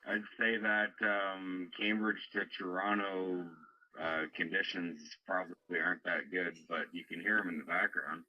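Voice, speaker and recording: A man talking calmly and plainly as a CB radio operator, heard over a lo-fi shortwave radio transmission. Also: sits low, unhurried. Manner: calm, plain-spoken radio talk. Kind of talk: casual on-air radio chat. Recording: muffled radio link audio.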